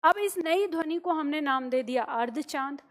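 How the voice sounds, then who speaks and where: A woman with a high voice gives a classroom-style grammar lesson. She works through each point slowly, puts questions to her listeners and then answers them herself. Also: animated. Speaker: Hindi teacher.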